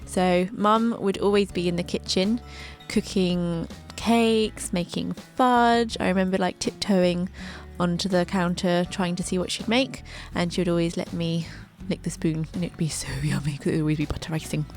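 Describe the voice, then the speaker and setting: A woman's voice: on the low side, fairly even intonation, normal speed, few pauses, darkish tone, soft background music. A woman, narrating her own life story with chatty, joking asides. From England. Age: 20s. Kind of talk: scripted narration over a drawing video.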